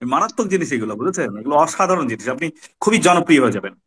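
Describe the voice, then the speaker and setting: A man with a Bangladeshi accent teaching a soft skills class, quizzing his students and acting out examples as he goes. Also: a little high, sing-song, rapid-fire, husky. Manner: teacherly, asks the class questions and acts out examples. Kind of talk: classroom lecture.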